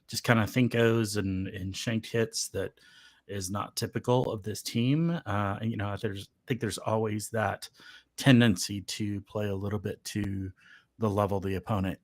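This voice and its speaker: A man co-hosting a sports podcast who gives thoughtful, halting analysis of a volleyball match. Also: on the low side, steady tone, dry recording. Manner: thoughtful, hesitant with fillers. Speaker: podcast co-host.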